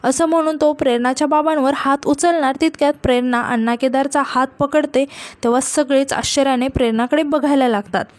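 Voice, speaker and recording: A woman narrating a recap of a television serial episode in a steady storytelling manner. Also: high-pitched, brisk, no echo. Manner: steady retelling with repeated linking phrases.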